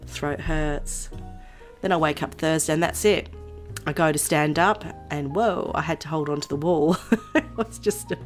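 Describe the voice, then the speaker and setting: A vlogger with a low, nasal voice, a little hoarse from a cold, chats to camera in a loose, rambling way, laughing often as if talking to friends on her channel. Faint music plays softly in the background.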